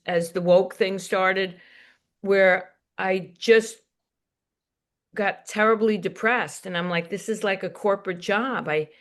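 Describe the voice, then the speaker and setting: An older woman, a veteran comedian, talks through her career in a loose, anecdotal way. She wanders from thought to thought with fillers and restarts. Her voice sits in a middle pitch. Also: a bit bright, clean tone. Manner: rambling, anecdotal, laughs while telling stories. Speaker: comedian guest. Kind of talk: candid interview storytelling.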